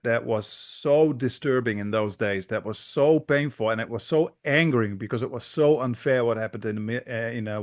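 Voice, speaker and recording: A man in his thirties from the Netherlands hosts a political interview in a mid-pitched voice. He speaks with passion, but his sentences often stall and restart. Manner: hesitant, many restarts, impassioned. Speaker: interview host, academic.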